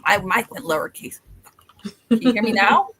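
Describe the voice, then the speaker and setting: A woman's voice: medium pitch, animated, moderate pace, a little hiss or hum. A woman chatting as a guest on a group video call, her voice cutting out over a bad connection. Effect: bad connection, voice cutting out and quiet. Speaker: livestream guest. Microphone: video call mic. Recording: distant, breaking-up call audio.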